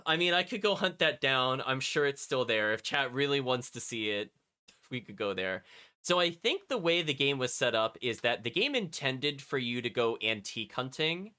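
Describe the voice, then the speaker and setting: While playing a video game on stream, a chatty man reads the on-screen text out loud and keeps tossing casual side comments to his audience. He has a bright, forceful, mid-range voice.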